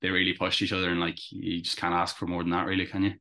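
A man's voice: low voice, monotone, racing, sharp tone. A young man with an Irish accent chatting casually and keenly as a rower being interviewed. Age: young adult. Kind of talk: casual chat.

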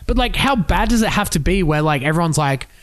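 Animated Australian man talking sport. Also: fairly high pitch, quick pace, no room sound. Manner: animated storyteller, acts out quotes. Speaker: podcast co-host. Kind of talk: casual sports chat.

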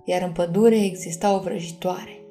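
Mellow woman reading a storybook. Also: fairly low pitch, fairly even intonation, soft background music. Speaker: audiobook narrator. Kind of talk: scripted storybook narration.

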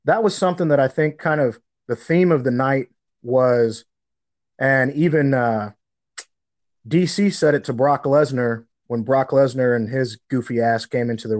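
A man's voice: mid-range voice, a little slow. Male co-host with a mid-range voice, easygoing, conversational fight talk. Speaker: podcast co-host. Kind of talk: casual sports chat.

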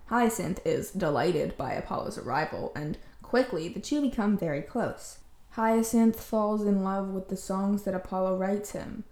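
A woman with a soft-edged, mellow voice hosts a chatty storytelling podcast. She is wry and playful, teasing her material with sarcastic asides. The sound is clearly echoey, as if recorded in an empty apartment room. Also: medium pitch. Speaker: podcast host. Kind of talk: casual, chatty comedic storytelling. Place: indoors, empty room in a new home.

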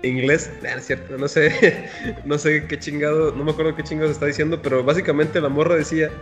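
A young podcast co-host with a Guadalajara Mexican accent speaks quickly in a slightly high voice with little pitch movement, over soft background music. His chat is casual, slangy, and profane, and he laughs often as he talks.

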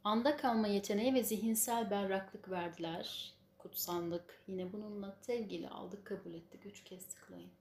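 A woman's voice: mid-range voice, moderate pace, hardly any pauses, a little mellow. Echoey woman leading guided meditation. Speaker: spiritual healing session leader. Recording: echoey room, faint background noise.

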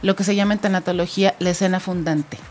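A woman's voice: lowish voice, steady tone, fast, a little mellow, faint music behind. Woman explaining as an expert guest. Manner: explanatory, emphatic lists. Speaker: thanatologist guest. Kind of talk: explaining on a talk show.

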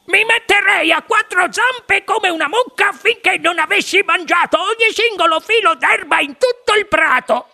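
A man putting on a squeaky giddy old grandpa. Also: normal speed, creaky, few pauses, sharp tone, full character voice.

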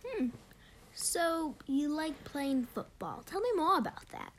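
A woman's voice: high-pitched, big pitch swings, takes it slowly, heavily acted, low-quality recording. A woman playing a prim, fussy talk show hostess in an improvised comedy interview. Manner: prim and fussy, correcting her guest. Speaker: host.

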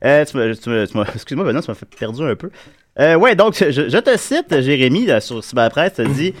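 A man hosting a casual radio interview, joking and cutting in quickly. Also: medium pitch, big pitch swings. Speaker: radio host.

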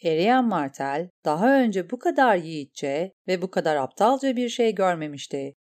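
A woman narrating a fantasy novel in a measured, dramatic reading style. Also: lowish voice, sing-song, a little mellow. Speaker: audiobook narrator. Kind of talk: scripted narration.

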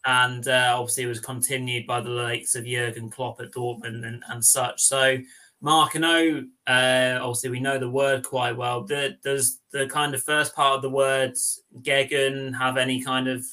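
A man hosts a football podcast with a bright, sharp tone. His voice sits at a middle pitch. He speaks hesitantly and pads his talk with "um" and "kind of". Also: flat delivery, normal speed. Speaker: podcast host. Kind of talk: casual podcast hosting.

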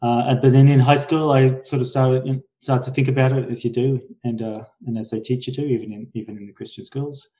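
A man in his forties from Brisbane, speaking with a Queensland Australian accent, is a guest on a podcast in a casual interview. He talks fast with hardly any pauses, in a warm, medium-pitched, level voice, yet sounds hesitant, often correcting himself, circling back, and letting thoughts trail off. The recording is low quality.

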